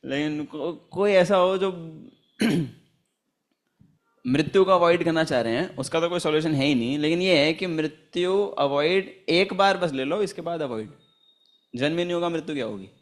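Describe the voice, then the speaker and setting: A man's voice: fairly high pitch, moderate pace. A man teaching a Gita class in a chatty, storytelling manner, laughing often and chanting Sanskrit verses. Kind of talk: informal scripture class with anecdotes.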